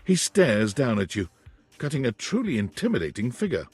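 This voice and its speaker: An actor giving measured, scripted narration for a game's scenes. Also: male voice, mid-range voice, wildly swooping pitch, darkish tone, breathy edge, soft background music, heavily acted. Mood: calm. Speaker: game narrator.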